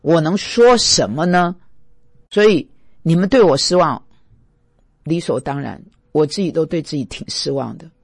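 A man's voice: on the high side, animated, normal speed, vocal fry, breathy edge, no echo. A man from Taiwan, a pastor giving an emotional devotional talk, stammering and plaintive.

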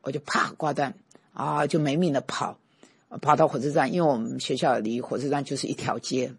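A middle-aged man preaches in a chatty, story-driven way, his voice gravelly with a husky edge. He leans hard on key points in forceful bursts. The sound is close and dry, with no room echo. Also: mid-range voice, steady tone, brisk. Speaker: pastor and teacher. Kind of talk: conversational sermon with personal stories.

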